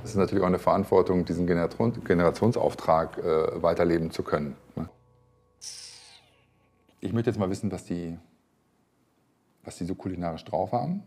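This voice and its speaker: A man's voice: low-pitched, a little fast, pauses often, a little mellow, slight background noise. A man in his fifties, a chef hosting a restaurant show, talking frankly and reacting aloud as he tastes food in a restaurant cellar. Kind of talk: reality TV commentary. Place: vaulted restaurant cellar, indoors.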